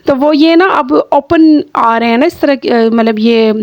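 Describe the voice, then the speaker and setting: A middle-aged homemaker with a Pakistani Urdu accent and a slightly sore throat chats to viewers in a rambling home vlog, full of fillers and restarts. Her voice is high and her pace measured, in a dry, close, lo-fi recording with no room sound.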